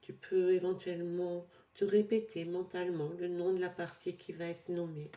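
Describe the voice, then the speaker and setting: A woman's lowish voice leads a sleep-oriented yoga nidra meditation in a calm, soothing, instructional manner, with pauses throughout. The sound is lo-fi.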